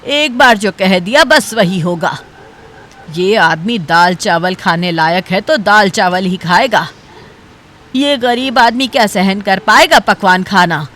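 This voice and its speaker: A woman's voice: mid-range voice, slow, fairly bright tone. A woman voicing a harsh, scornful older mother-in-law in a cartoon story. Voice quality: cutting, contemptuous. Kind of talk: cartoon voice acting.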